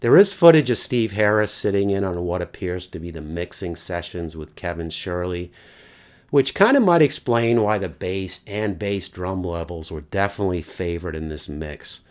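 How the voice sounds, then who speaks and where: Low-voiced middle-aged male reviewer, laid-back and wry. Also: lively intonation, moderate pace. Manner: casual, wry, occasional laughs and mild swearing. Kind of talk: casual review narration.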